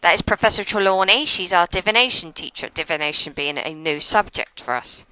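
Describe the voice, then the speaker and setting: A woman's voice: lowish voice, expressive, a little fast, sharp tone, low-quality recording. A woman giving casual commentary over a video game, often stumbling over her words and poking fun at herself. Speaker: let's play commentator.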